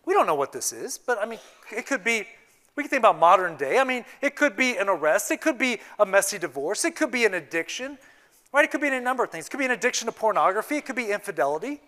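High-pitched guy preaching, bright sharp voice, goes quiet then hits hard, church sermon. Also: big pitch swings, fast talker. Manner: earnest preaching, swinging between hushed and emphatic. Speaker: youth pastor. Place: church sanctuary.

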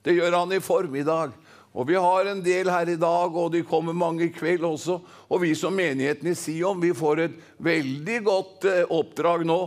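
A man from Norway preaching a fervent Pentecostal sermon, rhythmic and calling for responses from the congregation. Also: on the high side.

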